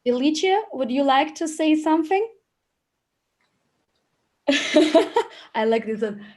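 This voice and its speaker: Brief: female host of a video call, slightly high voice, encouraging and thankful. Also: expressive, takes it slowly, a little mellow. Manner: friendly, encouraging, thanks each speaker.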